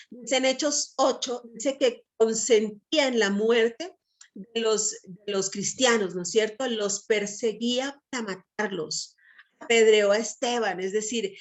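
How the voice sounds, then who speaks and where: A middle-aged woman with a somewhat high voice delivers a Bible teaching talk. She speaks with emphatic conviction and keeps asking her listeners short checking questions as she goes. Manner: peppers speech with tag questions to listeners.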